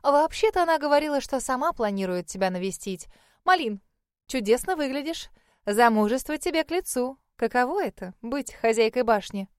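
A woman voicing a chatty, fussy middle-aged lady who talks high and effusively. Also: lively intonation, fairly quick, clear, resonant tone, no echo, clean studio sound. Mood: gushing.

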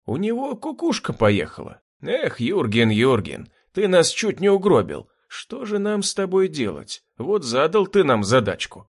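A man voicing a gruff old man who grumbles and uses folksy sayings. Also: on the high side, wildly swooping pitch, a little slow, hardly any pauses, pitched above the performer's own voice, heavily acted. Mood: grumbling. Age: older.

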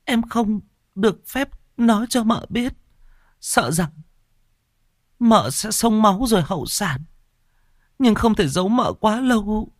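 Man doing a high, tearful young maid, stammering, pleading, dry close sound. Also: lively intonation, measured pace, long pauses, no room sound. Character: young female servant, frightened, tearful.

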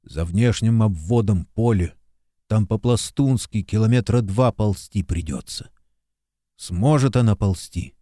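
A man's voice: lowish voice, measured pace, mellow, dry recording, clean studio sound. A man voicing a weary, pragmatic male Soviet soldier in an audiobook, talking in a muted, persuading way.

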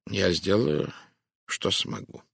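Guy doing a hushed polite old detective, breathy, sly, audiobook. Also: on the low side, animated, slow pace, dry recording, clean studio sound, exaggerated voice. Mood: courteous. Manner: soft, breathy, courteous.

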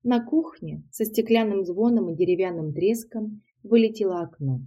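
A woman reading a first-person novel aloud, steady and matter-of-fact. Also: mid-range voice, normal speed. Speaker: audiobook narrator. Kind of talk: first-person audiobook narration.

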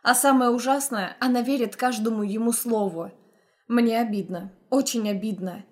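A woman's voice: on the high side, normal speed, a little mellow. A young woman narrating a first-person audiobook in an intense, emotional storytelling manner.

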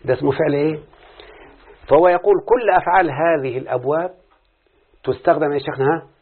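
A man's voice: a little high, rapid-fire, slightly rough, phone-quality sound. A man with an Egyptian accent teaching a classical grammar lesson, often prompting his students with questions. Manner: questioning, drawing students in with repeated "what?" prompts. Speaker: teacher of Arabic morphology. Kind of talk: classical Arabic grammar lesson with opening prayers.

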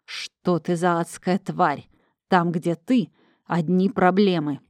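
A woman voicing a brawny, hot-tempered man who scolds roughly, in an audiobook reading. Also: fairly low pitch, steady tone, slow pace, dry recording, studio quality. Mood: gruff.

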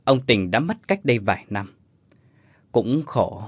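A man's voice: mid-range voice, lively intonation, unhurried, breathy edge, no room sound. A man voicing an old village herbal doctor who talks in a hearty, exclamatory way, in a spoken story. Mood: cordial.

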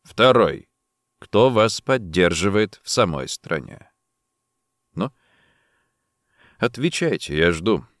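Man doing a quiet, cold secret agent. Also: fairly low pitch, lively intonation, no echo, studio quality. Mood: calm menace. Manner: quiet, deliberate, measured. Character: calm cold clever male secret agent.

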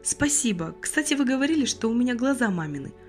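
A woman doing a gentle, polite young woman. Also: fairly high pitch, very animated, fast, soft background music. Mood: shy.

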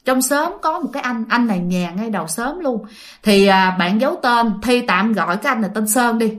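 A woman's voice: fairly high pitch, animated, a little fast. A woman telling a listener's ghost story in a chatty way, speaking straight to her listeners. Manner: chatty, addresses listeners directly.

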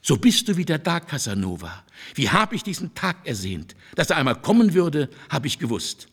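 A devoted woman in love, read by a man, tender and pleading. Her lines rise and fall widely in pitch. The delivery suits a literary audiobook. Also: big pitch swings, moderate pace, fairly bright tone, husky, full character voice. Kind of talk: audiobook character reading.

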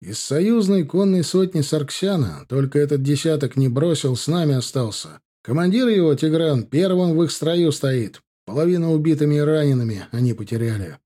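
Man playing a steady young ensign. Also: a little high. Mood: commanding. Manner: brisk officer's orders.

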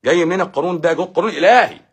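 Racing through his words in a fairly high, slightly rough voice, a doctor with an Egyptian Arabic accent talks about faith and life. The casual talk is emphatic and preachy, packed with rhetorical questions.

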